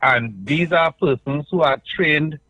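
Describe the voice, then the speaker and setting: A man with a Trinidadian accent phones in to a radio talk show, his voice a little high, pushed and bright. He builds his argument in measured steps, often checking in with "right?", over a muffled, dry call-in line.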